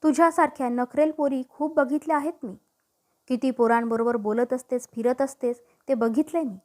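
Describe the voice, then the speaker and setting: A woman's voice: high voice, fairly even intonation, moderate pace, a little mellow, close to an everyday voice. A woman playing a furious scolding mother. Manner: harsh, scolding. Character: angry proud mother, scolding a young woman.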